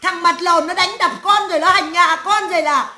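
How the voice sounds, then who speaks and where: A woman's voice: extremely high pitch, steady tone, moderate pace, bright, forceful tone, full character voice. A woman medium voicing the spirit of a stern old great-grandmother in a séance, scolding her family in a harsh, crude tirade full of curses. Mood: ranting. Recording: echoey room.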